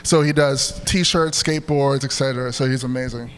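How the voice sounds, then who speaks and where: A young man co-presenting casually on stage, informal and slangy, with a halting delivery. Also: mid-range voice, steady tone. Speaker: art gallery co-founder, co-presenter. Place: stage in a reverberant venue. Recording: reverberant hall.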